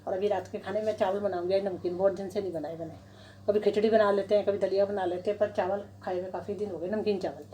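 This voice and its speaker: A woman's voice: mid-range voice, steady tone, fast talker, mellow, a little hiss or hum, low-quality recording. A middle-aged woman with a Delhi Hindi accent, chatting casually through her chores at home for her vlog, recorded on a phone in her kitchen and balcony. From India. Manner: chatty, describes chores step by step. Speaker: vlogger.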